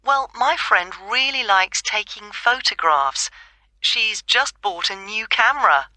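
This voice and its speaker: A woman playing an interested, inquiring caller in a scripted phone dialogue, brisk in manner. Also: mid-range voice, lively intonation, bright, forceful tone, dry recording, rough recording. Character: interested woman caller asking about volunteering. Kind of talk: scripted listening-test dialogue.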